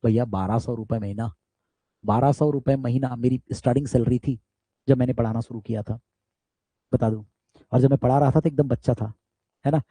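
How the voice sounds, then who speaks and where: A man's voice: mid-range voice, steady tone, a little fast, long pauses, breathy edge, no room sound. A man from India, a physics teacher, giving students an emphatic, motivational aside during an online class and often checking that they follow. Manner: emphatic, talks straight to students with repeated tag questions; loud forceful speaker.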